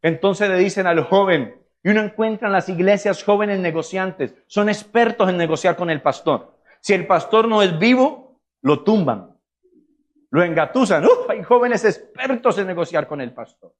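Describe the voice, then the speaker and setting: A man preaching a sermon as pastor, emphatic and lively, often mimicking people's excuses. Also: sits high, moderate pace. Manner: emphatic, acts out congregants' excuses in funny voices. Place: church sanctuary.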